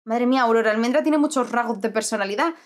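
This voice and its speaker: A young woman with an accent from Spain, giving lively, exclaiming commentary on a life-sim game to her viewers. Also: fairly high pitch, fast talker. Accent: Spanish from Spain. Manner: expressive, exclaiming, talks to her audience. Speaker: gaming streamer. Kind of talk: gaming commentary.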